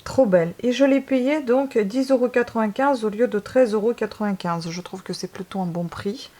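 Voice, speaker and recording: In a casual unboxing video, a woman beauty vlogger speaks with a fairly high yet dark-toned voice at normal speed. She gushes enthusiastically and hesitates a lot.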